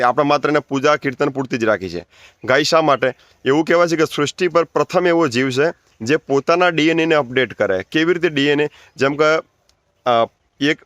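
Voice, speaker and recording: A man's voice: mid-range voice, a bit bright, dry recording, clean studio sound. A man giving an earnest, preachy spoken appeal to keep cows, repeating his points and urging listeners. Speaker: natural farming advocate.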